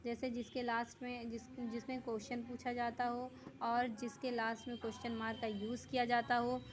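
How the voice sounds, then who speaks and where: A woman teacher giving a grammar lesson, reading definitions slowly word by word, then explaining them quickly. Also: fairly high pitch, little pitch movement, rough recording. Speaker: school teacher.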